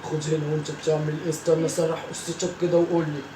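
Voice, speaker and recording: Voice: medium pitch, level tone, rapid-fire, natural voice. Someone playing a bossy Egyptian granny, Bomba. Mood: bossy teasing. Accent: Egyptian Arabic. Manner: scolding, teasing, repeats herself. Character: bossy, teasing Egyptian grandmother scolding her grandkids. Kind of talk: comic family sketch. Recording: roomy echo, from far off, faint noise.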